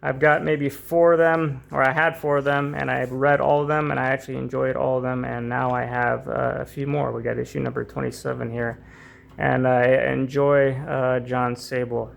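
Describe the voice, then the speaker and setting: A man's voice: mid-range voice, level tone, moderate pace, vocal fry. A man hosting a comic book channel, chatting casually and rambling through fillers and restarts, a little worn out and strained from the heat. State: hot and tiring, voice strained. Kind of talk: casual unboxing chat.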